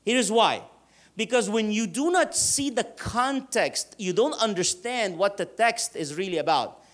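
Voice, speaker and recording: Man preaching a sermon. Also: sits high. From Egypt. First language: Arabic. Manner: earnest, emphatic with slow drawn-out stresses. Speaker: pastor.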